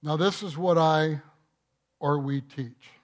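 Male pastor, slightly high voice, unhurried delivery, emphatic sermon with rhetorical questions. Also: fairly even intonation. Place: church.

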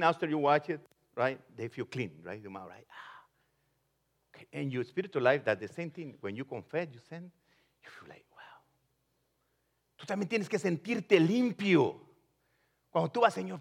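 Man, pastor, fairly high-pitched, casual bilingual preaching. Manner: switches between Spanish and English, conversational preaching. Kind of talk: bilingual sermon.

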